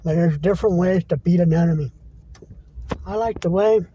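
A man's voice: sits high, normal speed, mellow, slight background noise. A man giving an impassioned, profane monologue as a podcaster, ranting heatedly. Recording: dull lo-fi recording.

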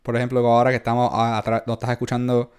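A podcast co-host with a Puerto Rican Spanish accent chats casually, laid-back and full of slang, slipping in English phrases. His mid-range voice is monotone and races along, sounding slightly mellow and smooth.

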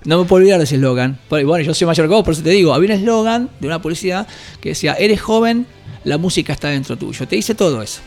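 A man in his fifties with an Argentine accent, a record shop owner telling animated, slangy anecdotes in an interview. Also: a little high, rapid-fire, soft background music. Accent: Rioplatense Spanish. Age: 50s. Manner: animated anecdotes, slangy, acts out quoted voices. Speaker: guest, record shop owner and metal musician. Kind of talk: casual storytelling interview.

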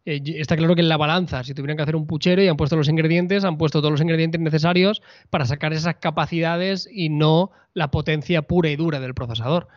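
A man's voice: fairly high pitch, fairly even intonation, fast talker, no room sound. A man with an accent from Spain giving opinions in a casual, colloquial tech discussion on a podcast, over a slightly muffled remote feed. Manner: colloquial, opinionated, uses tag questions. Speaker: podcast panelist.

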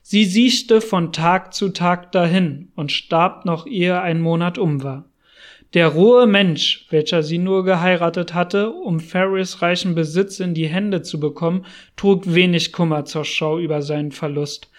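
High-voiced man reading a story. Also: unhurried. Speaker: audiobook narrator. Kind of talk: scripted narration.

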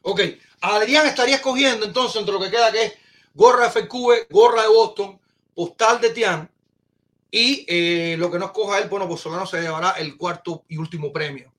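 A man hosting a casual live-stream chat, excitable and exclaiming, often repeating his phrases. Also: sits high, normal speed. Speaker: podcast host.

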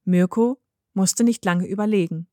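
A woman narrating a fairy-tale audiobook in measured, expressive storytelling. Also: medium pitch, no room sound, studio quality.

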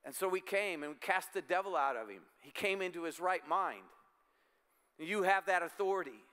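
A middle-aged male pastor delivering an emphatic, exhorting sermon. His voice sits high for a man, bright and crisp, and it rings with the long reverb of a church hall. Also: expressive, moderate pace. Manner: emphatic, exhorting with repeated calls.

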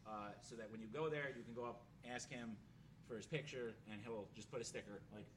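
A man's voice: mid-range voice, fairly quick, heavy background noise. A man hosting a podcast, chatting loosely and laughing through sponsor reads. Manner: loose, laughing, rambling delivery. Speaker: podcast host.

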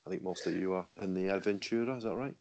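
A man with a Scottish accent, chatting casually as a podcast guest in a relaxed, measured way. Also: low voice, muffled recording. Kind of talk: casual chat.

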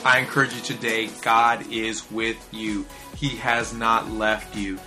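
A man's voice: fairly low pitch, little pitch movement, a little slow, over music. A man hosting a short daily devotional, talking in an earnest, confessional way with hesitant fillers. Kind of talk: casual spoken devotional.

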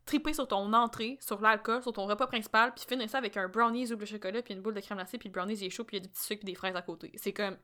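A woman's voice: mid-range voice, very fast, hardly any pauses. Playful Québécois woman podcaster. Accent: Québécois French. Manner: playful, animated, fond of food metaphors. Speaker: podcast co-host. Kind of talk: casual chat.

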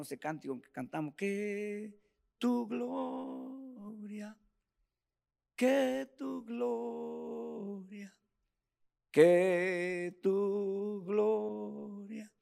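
A man preaching a fervent sermon, swinging from hushed passages to loud repeated exhortations. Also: high-pitched.

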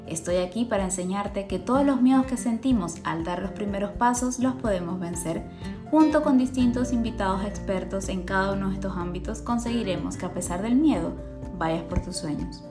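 A woman's voice: mid-range voice, moderate pace, music in the background. Venezuelan woman hosting a chatty podcast. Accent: Venezuelan Spanish. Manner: conversational, with frequent fillers and tag questions. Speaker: podcast host, makeup artist. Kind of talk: casual podcast monologue.

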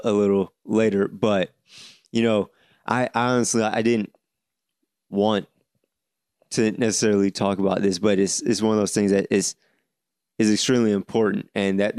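Gravelly low-voiced young man podcasting. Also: darkish tone, no echo, studio quality. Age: 20s. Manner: earnest, halting, many restarts. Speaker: podcast host. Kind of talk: solo podcast commentary.

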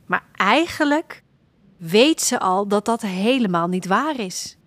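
Woman narrating a children's story, slow, lively pitch, playful, dry close sound. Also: no room sound. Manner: expressive, playful storybook reading.

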